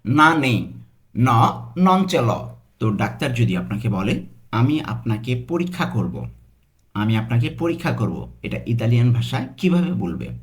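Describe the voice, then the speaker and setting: Bangladeshi man teaching language slowly. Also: mid-range voice, sing-song. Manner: slow, drawn-out pronunciation of example phrases; repeats and breaks phrases into parts. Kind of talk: language lesson.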